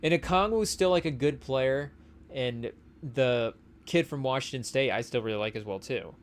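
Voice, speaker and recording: A man's voice: mid-range voice, normal speed, slight background noise. A young man co-hosting a podcast, talking basketball in a loose, rambling way with lots of fillers and asides to a live chat. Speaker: podcast co-host. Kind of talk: casual sports talk to a live chat. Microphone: studio mic on a live stream.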